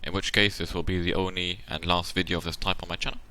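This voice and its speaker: A man's voice: deep voice, level tone, fast talker, pushed and bright, smooth. A man hosting his channel, giving casual tactical commentary on a game replay. He explains the options at length and thinks aloud, and his voice sounds tired and worn out.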